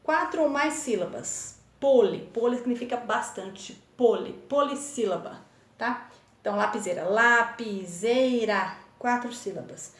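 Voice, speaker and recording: A woman's voice: a little high, lively intonation, moderate pace. A woman teaching young children remotely, with a São Paulo accent, sounding out words syllable by syllable in a patient, encouraging way. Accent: Brazilian Portuguese, São Paulo state. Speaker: primary school teacher. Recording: echoey room.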